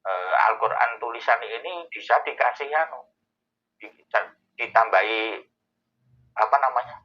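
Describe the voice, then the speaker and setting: A man, explaining answers to a host's questions in a thoughtful way, pausing often to find his words. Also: mid-range voice, expressive, dull audio. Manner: thoughtful, with many pauses and fillers. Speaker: Islamic scholar answering questions. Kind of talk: explanatory Q&A talk.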